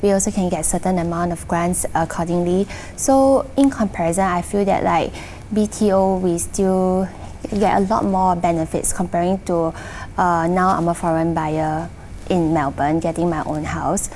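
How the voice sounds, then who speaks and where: A woman's voice: lowish voice, fairly even intonation, moderate pace, darkish tone, a little hiss or hum. A woman with a Singaporean accent talking casually and earnestly on a panel, explaining things at length. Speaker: guest sharing personal experience.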